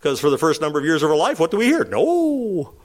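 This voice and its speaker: A middle-aged male pastor preaching a sermon, rising to emphatic, high-pitched calls between calmer stretches. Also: racing.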